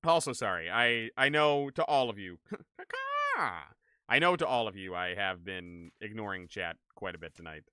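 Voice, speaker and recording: A man livestreaming a video game, chatting casually and excitably with viewers in an animated, exclaiming way. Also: on the low side, brisk, hardly any pauses, clear, resonant tone, no room sound, studio quality. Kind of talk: casual livestream gaming chat and commentary.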